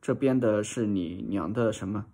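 A man's voice: fairly low pitch, moderate pace, dark tone. A man voicing a harsh, angry mother of a maid in a storybook reading, berating in a hot-tempered way.

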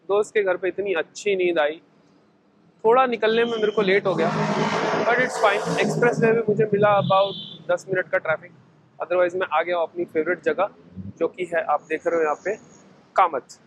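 A man in his thirties chatting excitedly in a casual vlog, filming himself outdoors with an action camera at arm's length. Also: sits high, normal speed, a little hiss or hum, poor audio. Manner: chatty, excitable cricket talk. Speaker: vlogger. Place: outdoors in a stadium stand and a street.

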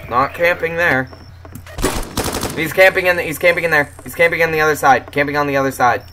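A man's voice: a little high, brisk, music in the background. A man in casual gaming chat over a headset mic, giving bossy callouts and teasing his teammate. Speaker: gamer.

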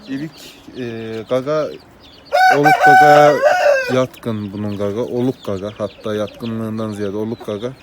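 A man's voice: lowish voice, a little slow. Plain-talking man among outdoor chickens. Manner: plain, matter-of-fact, hesitant with fillers. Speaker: poultry keeper, garden owner. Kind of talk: casual interview answers. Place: outdoor garden with poultry. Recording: clear outdoor noise with chickens.

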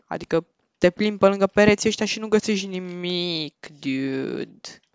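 A young Romanian man giving excitable, slangy commentary while playing Minecraft, panicking and repeating no over and over. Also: high voice, clear, resonant tone, dry recording. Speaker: Minecraft gaming YouTuber. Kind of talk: casual gameplay commentary. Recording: dull lo-fi home mic.

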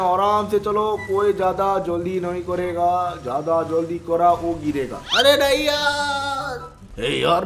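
A man doing excited gameplay commentary, switching between playful cartoon character voices. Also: high-pitched. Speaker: gaming YouTuber.

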